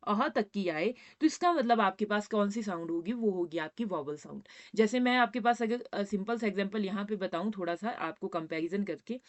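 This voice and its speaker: A woman teaching a grammar lesson, patiently repeating points and checking in with her students. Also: medium pitch. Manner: addresses students as "बेटा".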